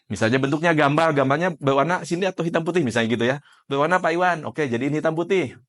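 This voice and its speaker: Man teaching a casual classroom lecture. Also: fairly high pitch. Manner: conversational, quizzes participants by name; casual colloquial explaining with everyday examples. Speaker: NLP trainer.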